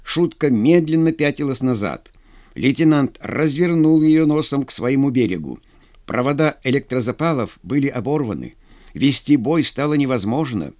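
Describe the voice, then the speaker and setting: A man's voice: mid-range voice, lively intonation, moderate pace, darkish tone, no room sound, clean studio sound. A man narrating an audiobook with dramatic storytelling.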